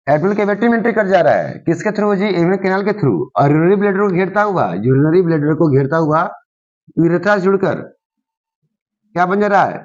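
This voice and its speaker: A science teacher, a man, explains a diagram and says each key term twice. He keeps asking the listener what each part is called, in a high voice. The recording sounds muffled and lo-fi. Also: lively intonation, fast, darkish tone. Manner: repeats key terms and quizzes the viewer with "what is it called?". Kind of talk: explaining a diagram in a class lesson.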